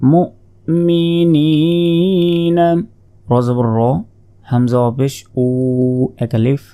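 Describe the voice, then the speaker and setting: Man, Quran recitation teacher, unhurried delivery, smooth resonant voice. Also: medium pitch, flat delivery, warm tone. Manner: slow measured spelling with drawn-out melodic recitation. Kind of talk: spelling out and reciting Arabic verses.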